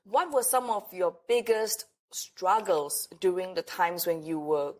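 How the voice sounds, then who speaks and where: A woman's voice: lowish voice, unhurried, a little mellow. A woman hosting a podcast interview, speaking in an upbeat, promotional way. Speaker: podcast host. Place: hotel in Singapore.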